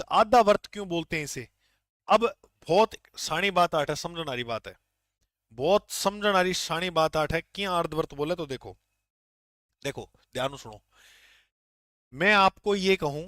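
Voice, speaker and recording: A man's voice: high voice, fairly bright tone, dry recording, studio quality. A man teaching an online geography class, repeating key points and quizzing his students.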